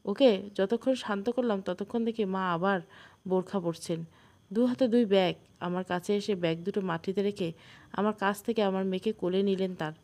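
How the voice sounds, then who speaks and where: A woman's voice: medium pitch, normal speed, darkish tone. A woman narrating an emotional first-person audio story in an earnest tone.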